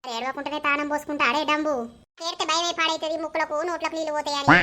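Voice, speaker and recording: A woman voicing a gruff, scolding old village mother-in-law in an animated cartoon, with a Telangana Telugu accent. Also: high voice, very fast, over music, voice pushed down, lightly acted.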